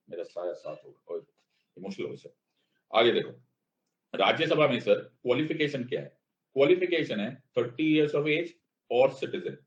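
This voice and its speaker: Playful teacher with dull lo-fi sound. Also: male voice, medium pitch. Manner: playful, voices students' replies himself; keeps asking if students understand. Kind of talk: classroom lecture.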